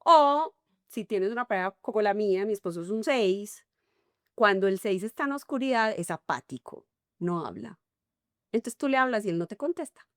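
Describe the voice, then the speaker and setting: A woman's voice: medium pitch, brisk, no echo, studio quality. A middle-aged woman with a Colombian paisa accent, a coach talking expressively in an interview and acting out little dialogues. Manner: animated, acts out little dialogues. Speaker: guest, enneagram coach. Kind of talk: conversational interview.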